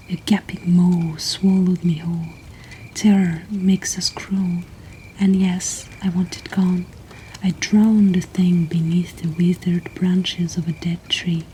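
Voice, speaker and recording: A woman in a whispered role-play, reading poems aloud in a slow, soothing, intimate voice. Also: fairly low pitch, warm tone, slight background noise, poor audio. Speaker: poetry reader and storyteller.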